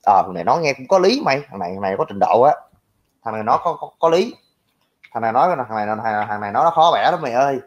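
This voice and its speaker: Speaking very fast and animatedly in a mid-range voice, a young man with a Southern Vietnamese accent rants on a livestream about viewer comments. He is brash and crude, mocking critics. Lo-fi, dull audio.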